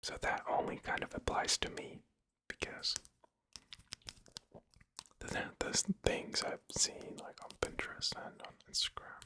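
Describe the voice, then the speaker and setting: An ASMR creator whispers very close to the ear, never fully voicing the words. The delivery is slow and bright, drifting along in a hesitant, informal ramble. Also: rough recording. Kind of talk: whispered ASMR ramble about drawing tools. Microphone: close ear-to-ear microphone.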